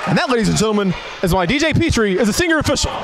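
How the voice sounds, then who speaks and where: A man's voice: sits high, sing-song, racing. A man working as a wrestling commentator, calling live play-by-play in an exclamatory way, urgently repeating his calls. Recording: loud crowd noise in event hall. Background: loud crowd, slams from the ring.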